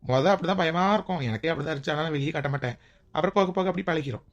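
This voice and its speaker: A woman's voice: low voice, racing, highs cut off. A woman in a village comedy skit, talking in a coaxing, gossipy neighbourly way.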